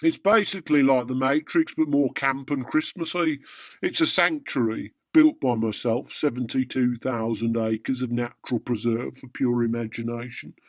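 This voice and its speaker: A man's voice: mid-range voice, normal speed, dry recording, natural voice. A man playing an immortal, philosophical Santa in a radio pantomime, lofty and sly with blokey asides. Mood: grand, persuasive. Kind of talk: radio drama pantomime acting.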